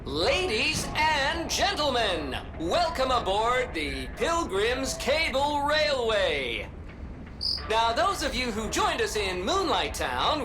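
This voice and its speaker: A man's voice: high-pitched, poor audio. A man voicing a chatty, jokey puppet companion in a game, giving a theatrical mock transit announcement like a tour captain, with wry asides. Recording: game audio with music behind.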